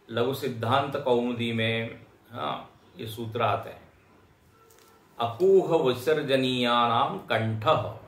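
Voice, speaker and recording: A man teaching a lecture class, explaining slowly and patiently and sounding out syllables one by one. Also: medium pitch, a bit bright. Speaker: Vedanta teacher. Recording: echoey lecture hall.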